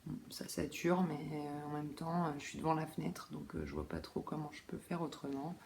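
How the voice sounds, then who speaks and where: A woman's voice: sits low, lively intonation, a little fast, vocal fry, darkish tone, reverberant, a little hiss or hum. A woman hosting a knitting podcast, talking casually with many fillers and asides, in a room at home by a window. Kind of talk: casual chat.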